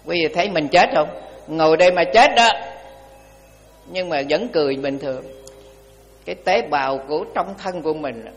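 Older monk, folksy sermon. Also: male voice, a little high, normal speed, long pauses, big-room sound, muffled recording, a little hiss or hum. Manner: colloquial, repetitive, folksy humor. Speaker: Buddhist monk. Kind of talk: dharma talk.

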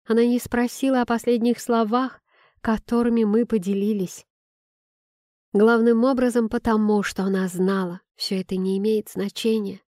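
A woman reading a first-person novel aloud in a calm, measured, emotional way. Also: on the high side, dry recording, studio quality. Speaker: audiobook narrator. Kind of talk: first-person audiobook narration.

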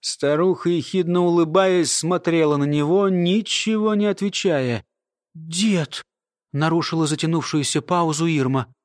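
A man narrating an audiobook in a steady, measured way. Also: fairly high pitch, no echo, studio quality. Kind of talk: scripted narration.

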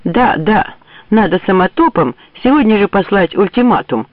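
A man's voice: sits high, big pitch swings, normal speed, dry recording, voice pushed up. A man voicing an eager, scornful general. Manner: eager, agreeing. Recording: tinny phone-like dry audio.

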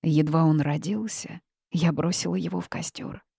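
Woman putting on a gravelly half-mad old witch. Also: low-pitched, fairly even intonation, normal speed, dark tone, no room sound, clean studio sound, exaggerated voice. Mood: unhinged. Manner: cackling, wailing, half-mad. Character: old raving female witch, bitter and unhinged. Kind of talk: audiobook character reading.

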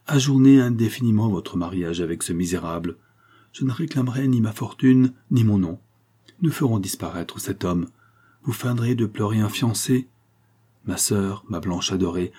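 A man's voice: fairly low pitch, warm tone, husky. A man reading the part of a young noble marquis, speaking with fervent, tearful emotion in an audiobook.

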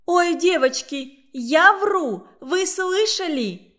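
A woman voicing a fussy, self-righteous young girl in a shrill, whiny, insistent voice. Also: normal speed, fairly bright tone. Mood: shrill indignant.

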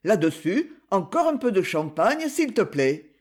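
A man's voice: high-pitched, very animated, measured pace, darkish tone, heavily acted. A man reading as a blunt, proud bedridden hunter. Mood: affectionate.

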